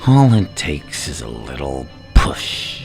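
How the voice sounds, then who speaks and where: A taunting, anarchic clown villain in an ASMR roleplay. He is gravelly and very deep, with theatrical, swinging emphasis, over clear background music. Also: very animated, heavily acted. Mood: sinister, taunting. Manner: slow, theatrical, swooping emphasis.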